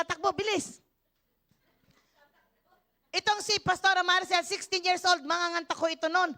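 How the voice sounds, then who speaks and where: An older woman from the Philippines preaches at a church service in a very high, bright, forceful voice. She is animated and breaks into shouted praise. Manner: animated preaching with shouted hallelujahs and frequent laughter. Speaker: pastor. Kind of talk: sermon.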